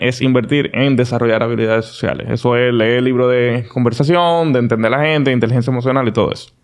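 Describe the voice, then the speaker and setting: A man, a podcast guest telling his story in a casual, animated, confident way with frequent restarts. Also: mid-range voice.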